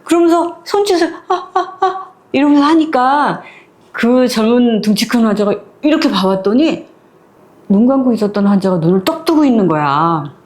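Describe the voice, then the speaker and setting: High-voiced woman retelling a story. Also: normal speed. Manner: lively, acts out the characters' lines. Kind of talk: casual spoken retelling of a short story.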